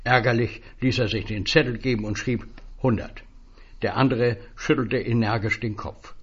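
A man reading a story aloud in an expressive, husky voice. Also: mid-range voice, moderate pace, dull audio.

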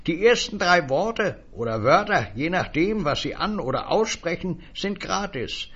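A man's voice: big pitch swings, a little slow, fairly bright tone, husky, lo-fi sound, full character voice. A man putting on a sneering little word-peddler. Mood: sly. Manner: high, sly, sneering. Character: mocking, eerie little male word-seller.

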